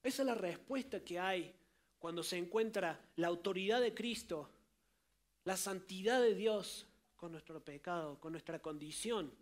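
A man with a notably high voice preaching a sermon. He talks straight to his listeners with colloquial asides and throws himself into acting out the scripture quotes. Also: measured pace.

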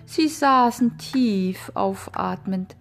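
Slow, gravelly woman reading a fable. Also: mid-range voice, soft background music. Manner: measured storybook reading. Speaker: storyteller.

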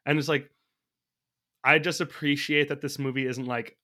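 A man's voice: medium pitch, steady tone, moderate pace, sharp tone. A man chatting casually about a movie as a podcast co-host, thinking aloud from his notes and laughing often. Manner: laughs often while talking.

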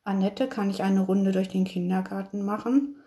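A woman's voice: medium pitch, steady tone, moderate pace, dark tone, natural voice. A woman voicing an eager, affectionate little preschool girl in a read-aloud story.

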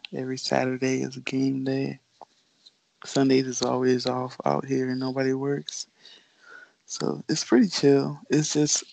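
A young woman with a rumbling, low, gravelly voice and a darkish tone chats casually as a podcast guest. She's a pro basketball player from the Bahamas who grew up in Florida, and she's laid-back, easygoing, and quick to laugh. The recording is low quality with no echo.

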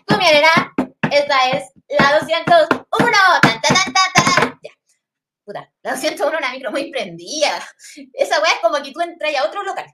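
Expressive and fairly bright, this woman's high-sitting voice moves at a normal speed. In her thirties and from Chile, she tells a comic personal anecdote casually in Chilean-accented Spanish, rambling, slangy and sprinkled with swearing.

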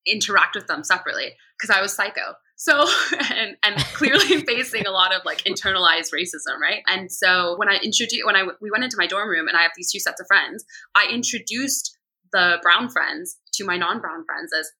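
A young American woman guests on a podcast, sharing personal stories candidly and conversationally, often acting out what she and others said. Her animated voice sits at medium pitch, is slightly rough, and runs a little fast, though the audio quality is poor.

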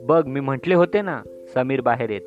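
A man's voice: mid-range voice, animated, normal speed, natural voice. A man doing a fussy flustered mother. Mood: fussing. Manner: scolding, protesting, fussy. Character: flustered middle-aged mother, gentle and fussy. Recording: dull lo-fi sound with faint music.

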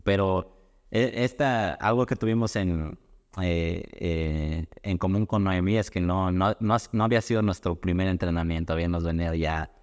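Un hombre que conduce una entrevista informal, habla con muletillas y vacilaciones y reacciona con interjecciones suaves. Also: male voice, low voice, normal speed, big-room sound. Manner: reacts with soft interjections, hesitant phrasing. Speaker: host. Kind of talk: casual conversational interview.

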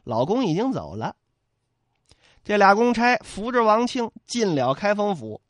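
A man's voice: sits high, very animated, measured pace, no echo, clean studio sound. A man telling a classic tale as comic storytelling, with chatty asides to his listeners.

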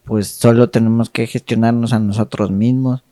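A man's voice: medium pitch, fairly even intonation, moderate pace, mellow, no echo, studio quality. A man co-hosting a podcast, chatting reflectively in a meandering way that often seeks agreement. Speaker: podcast co-host. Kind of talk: casual, reflective chat.

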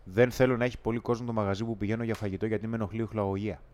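A man, co-hosting a casual podcast chat and telling stories with lively, acted-out exchanges. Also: lowish voice. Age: 30s. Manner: animated storytelling, acts out quarrels. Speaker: podcast co-host.

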